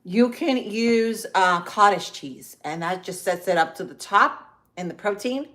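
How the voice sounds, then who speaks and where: Medium-pitched and sharp, at a measured pace, a woman from Central Florida, United States, with a Spanish accent chats her way through a casual home-kitchen cooking livestream. She stays upbeat, calls out viewers by name, and explains each step, recorded in an echoey room with faint background noise.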